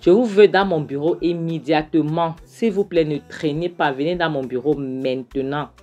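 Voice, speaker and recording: A woman voicing an angry male boss who sternly orders an intruder out of his office, in a low voice. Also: normal speed, darkish tone, soft background music, lightly acted. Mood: stern, commanding. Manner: stern, repeating the demands.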